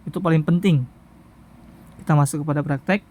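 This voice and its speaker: A Quran recitation teacher giving a tajwid lesson, patiently repeating syllables slowly for the listener to practice. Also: medium pitch, darkish tone. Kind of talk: tajwid lesson with sound drills.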